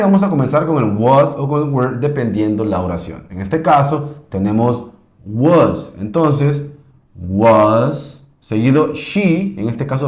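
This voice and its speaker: A man teaching an English grammar lesson, explaining slowly and patiently and often checking in with "ok?". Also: mid-range voice, darkish tone, reverberant. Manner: patient, repeats points, checks in with "ok?".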